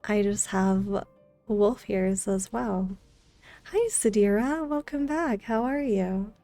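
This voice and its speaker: A woman live streamer chats casually with her viewers while gaming, friendly and greeting them by name over game music. Her mid-range voice is slow and mellow, with no echo.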